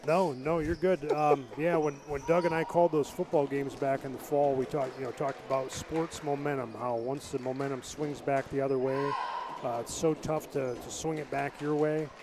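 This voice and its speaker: A man giving relaxed, conversational color commentary at a live high school basketball game. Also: moderate pace, background noise.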